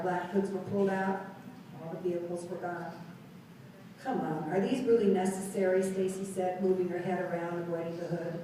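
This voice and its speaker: A woman reading a story aloud in a steady, measured way. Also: mid-range voice. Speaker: manuscript reader. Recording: echoey room, distant mic, faint noise.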